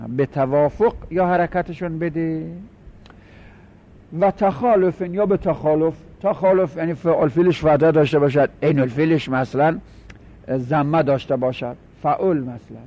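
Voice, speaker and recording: Man teaching in a muffled recording. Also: fairly high pitch. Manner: explanatory, repeats terms, asks students quick questions. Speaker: teacher of Arabic morphology. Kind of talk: classroom lecture, explaining and counting forms.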